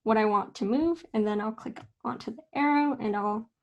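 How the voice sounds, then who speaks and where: A young woman teaching a casual drawing lesson, talking in a relaxed, chatty way with fillers and self-corrections. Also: fairly high pitch, moderate pace, highs cut off. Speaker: art instructor.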